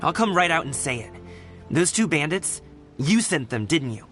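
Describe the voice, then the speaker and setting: A man's voice: fairly high pitch, sing-song, moderate pace, music in the background. An actor playing a perceptive young man in a video game, casual, direct and confident. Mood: accusing. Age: young adult.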